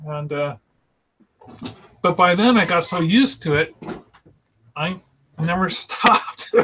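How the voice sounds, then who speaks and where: A middle-aged man telling anecdotes on a video call, theatrical and quick, bursting into a showy one-breath phone greeting and laughing often. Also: on the high side. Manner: animated anecdote teller who laughs often. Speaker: illustrator and show regular. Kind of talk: casual storytelling on a video call. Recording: slightly dull lo-fi call audio.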